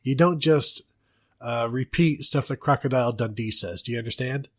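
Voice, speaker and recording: A man's voice: medium pitch, moderate pace. Joking American man hosting a podcast. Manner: joking, animated, rambling asides. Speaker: podcast host. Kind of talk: casual podcast chat.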